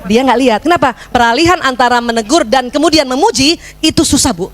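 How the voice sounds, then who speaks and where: Lively woman giving a parenting lecture. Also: high-pitched, fast talker. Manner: lively, acts out scenes with her son.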